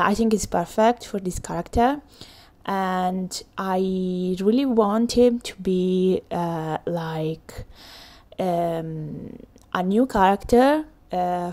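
Slow Italian-accented woman narrating art. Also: mid-range voice, a little mellow. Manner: hesitant, many fillers, apologetic. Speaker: illustrator. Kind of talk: tutorial voice-over.

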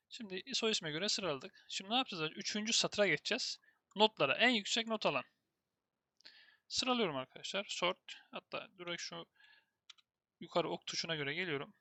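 A man's voice: on the high side, pushed and bright, no room sound. A man teaching a screen-recorded terminal lesson, thinking aloud as he types and often turning to speak to his viewers as friends. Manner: thinks aloud while typing, keeps addressing viewers as "friends". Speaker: programming instructor.

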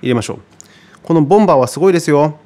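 A man teaching guitar in a relaxed tutorial, chatty and thinking aloud with many fillers. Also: on the high side, rapid-fire, background noise. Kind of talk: casual tutorial explanation.

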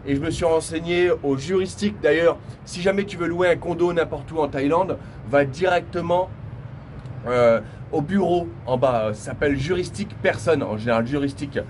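A man's voice: fairly high pitch, moderate pace, a little mellow, slight background noise. A young man vlogging casually as he walks through an apartment building, talking straight to the viewer with many fillers and restarts. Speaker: travel vlogger. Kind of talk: casual vlog tour.

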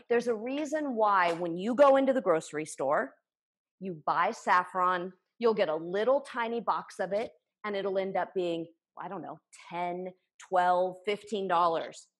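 Chopping in her home kitchen, a woman in her forties teaches cooking live, eagerly walking through every step. Her mid-range voice carries a breathy edge, recorded by a camera a few feet away.

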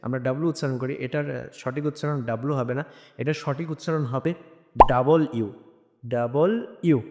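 A man from Bangladesh teaching a lesson, hesitant, with frequent "ah" fillers, repeating sounds slowly. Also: medium pitch, gravelly, a little mellow. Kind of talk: spoken lesson. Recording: long echoing reverb.

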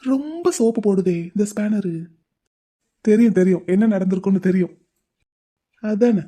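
In a mellow, natural voice of medium pitch and moderate pace, a woman plays a caring young man in a Tamil cartoon. He playfully teases and coaxes his crying older sister in a chatty manner.

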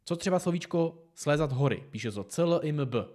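A man's voice: a little high, animated, a little mellow. A man teaching English pronunciation in a casual tutorial, talking straight to the viewer in an informal, direct way.

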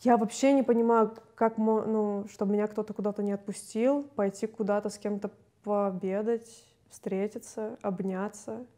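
A young woman, a singer, talking candidly and casually in an interview, chatty and quick to laugh. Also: mid-range voice, little pitch movement, mellow.

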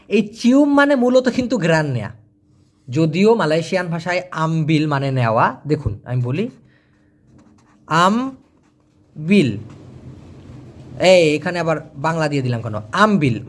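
Male language teacher, lively, repeats and spells each word. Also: sits high. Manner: explains slowly, spells out letters, repeats words. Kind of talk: casual vocabulary lesson.

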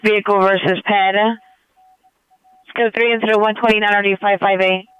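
A man's voice: sits high, flat delivery, normal speed, clean tone, no room sound. A man working as a police dispatcher, calling units and incidents procedurally over police radio. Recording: dull police scanner radio.

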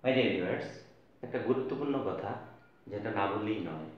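A man with a fairly low voice teaches an English lesson at a board, spelling out letters slowly and hitting key words hard. He sounds set back from the microphone in a very echoey room, on a dull, lo-fi recording. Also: lively intonation, far from the mic. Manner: slow, stressed spelling out of letters, emphatic.

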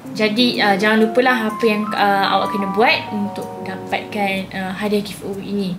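A young woman with a Malaysian accent chatting casually to viewers as a video blogger, talking to camera in a room at home. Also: mid-range voice. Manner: chatty, addresses viewers directly. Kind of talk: casual chat to camera, unboxing and giveaway. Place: small indoor room at home. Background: background music.

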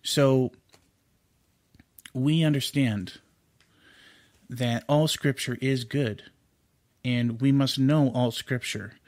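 A man's voice: medium pitch, fairly even intonation, slow, long pauses, a little mellow, no room sound, clean studio sound. A man giving an informal home Bible study, earnest and unscripted, with fillers and restarts as he explains scripture.

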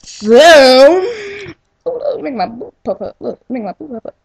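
A woman's voice: high-pitched, animated, measured pace, gravelly, slight background noise. A young woman chatting casually and playfully teasing on a home video, filmed at home on a handheld camera. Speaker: vlogger. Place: her home, indoors.

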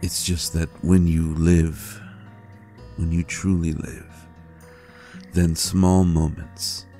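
A man acts as an ancient male vampire in full character voice, speaking tenderly to a lover in an intimate roleplay audio drama. His voice is extremely low, dark and mellow with gravelly fry, and his delivery is soft, halting and sincere with a melodramatic streak.

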